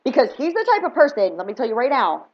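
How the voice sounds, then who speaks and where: Woman, fired up and emphatic, personal storytelling, acts out dialogue, fairly high voice, dull lo-fi sound. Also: very animated, fast talker. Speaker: spiritual reader and vlogger.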